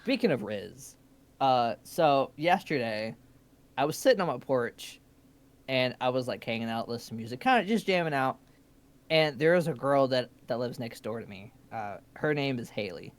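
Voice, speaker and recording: Young guy on a stream, animated storyteller, swears a lot, mid pitch. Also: normal speed. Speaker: stream co-host. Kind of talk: casual chat.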